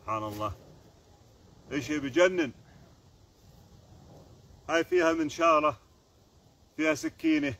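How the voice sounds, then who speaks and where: A man with a Jordanian Arabic accent talks in a loose, chatty way on a live stream from a forest. His voice sits a little high for a man. He keeps pointing things out to his viewers as he goes, recorded outdoors on a phone held in his hand. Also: expressive, normal speed, long pauses, fairly bright tone, slight background noise. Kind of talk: casual live-stream chat while foraging.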